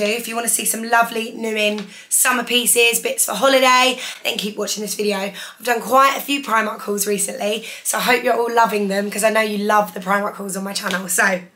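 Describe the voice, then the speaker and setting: A fashion vlogger in her twenties, hoarse from losing her voice, chats enthusiastically through a casual clothing haul in her living room, holding up each item. Her fairly high voice sounds pushed and bright, with a little hiss or hum. She's seated facing a camera.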